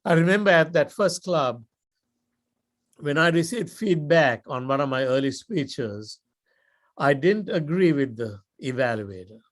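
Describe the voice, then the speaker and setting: The guest speaker is an older Sri Lankan man whose fairly high, expressive voice carries a Sri Lankan accent. His motivational club speech unfolds as careful, deliberate storytelling punctuated by dramatic pauses.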